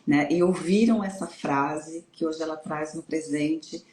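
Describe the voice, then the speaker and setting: A Brazilian woman psychologist explains in a calm, measured way, her voice sitting very low. She sounds as if she is in an echoey room over a video call, with faint background noise. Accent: Brazilian Portuguese. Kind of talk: live stream talk.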